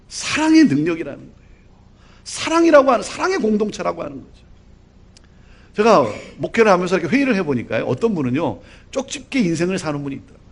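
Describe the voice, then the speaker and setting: A middle-aged pastor delivering a sermon with a very high, husky voice. His pitch leaps up and down dramatically, and he drives his points home with animated emphasis. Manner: animated preaching with lively swings of pitch and loudness.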